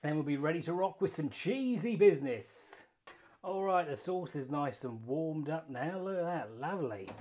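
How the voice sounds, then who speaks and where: A young British man with a British English accent cooks in his home kitchen, chatting in a self-mocking way, swearing and using slang for a casual cooking review. His voice is on the high side and darkish, with lively intonation at normal speed, and a phone camera films his hands.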